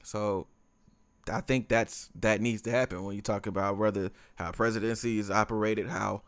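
Rambling low-voiced man on a podcast. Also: steady tone, moderate pace, clear, resonant tone. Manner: rambling, full of fillers and restarts. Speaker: podcast co-host. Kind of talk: casual podcast conversation.

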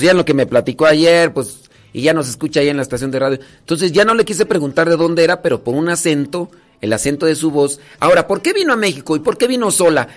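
Joking Mexican priest on radio. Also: male voice, fairly high pitch. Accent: rural central Mexican. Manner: rambling, joking, many fillers. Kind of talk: casual radio talk, storytelling. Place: retreat house.

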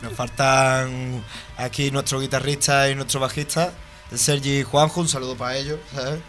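A man's voice: mid-range voice, little pitch movement, normal speed, fairly bright tone, soft background music. A man, a band member on a radio show, talking informally and often asking "you know?". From Málaga, Spain. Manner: informal, keeps adding "¿sabes?". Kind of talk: casual radio interview. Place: radio studio.

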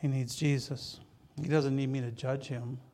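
A man's voice: mid-range voice, little pitch movement, normal speed, dark tone. Pastor guy from michigan preaching, casual and jokey, keeps restarting phrases. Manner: conversational, joking asides to congregation; repeats words when starting phrases. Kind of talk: sermon.

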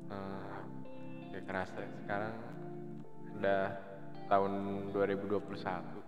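Low-pitched and completely flat, this twentysomething podcast host speaks a little slowly as he rambles through a casual, candid chat full of fillers and self-doubt. Music plays beneath an echoey, dull lo-fi recording.

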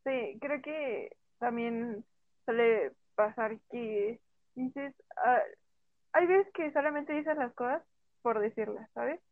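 A woman's voice: fairly high pitch, slow pace, dry recording. Woman on a tinny phone line. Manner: talkative, acts out quoted remarks. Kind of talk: casual chat.

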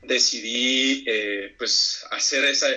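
A man's voice: medium pitch, steady tone, takes it slowly, bright, forceful tone, highs cut off. A man with a Mexican Spanish accent, chatting as an interview guest, reflective and full of restarts. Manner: reflective, many hesitations and restarts. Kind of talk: casual interview chat.

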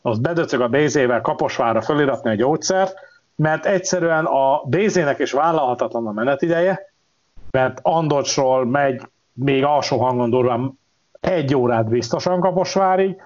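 A man's voice: medium pitch, darkish tone, lo-fi sound. A man in a casual panel chat, explaining at length with concrete examples.

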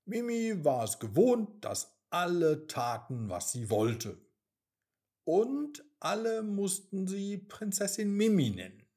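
A man reading a children's bedtime story slowly and expressively. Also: high voice, big pitch swings, mellow, slightly rough.

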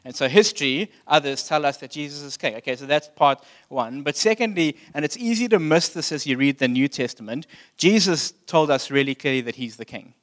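A man's voice: fairly high pitch, a little fast, a bit bright. A man delivering a sermon as pastor, speaking in a casual, plainspoken way and asking his listeners direct questions. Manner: conversational, plainspoken preaching.

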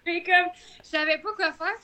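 A young woman with a Quebec French accent, chatting casually and telling a story in an animated way, acting out the lines she quotes. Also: very high voice, moderate pace, crowd noise. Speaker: guest runner. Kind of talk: casual podcast chat.

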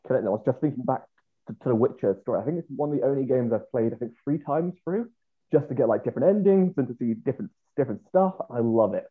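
A man's voice: mid-range voice, animated, breathy edge. A man guesting on a podcast, chatting casually in a hesitant way full of restarts. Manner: hesitant, many fillers and restarts, quick bursts. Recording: tinny phone-like remote line.

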